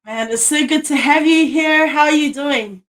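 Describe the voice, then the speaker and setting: Higher-pitched woman hosting a casual podcast. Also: moderate pace, fairly bright tone. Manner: enthusiastic, informal. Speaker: podcast host. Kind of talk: casual, upbeat interviewing.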